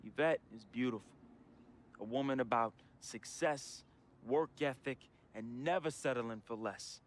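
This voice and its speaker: Over music, a man with a medium-pitched, natural voice speaks a little slowly as an actor in a dramatic confessional voice-over monologue. His character is a grieving, troubled young American reading a goodbye letter to a friend, wistful and fond. He sounds emotional and slangy, heartfelt with an urban American flavor.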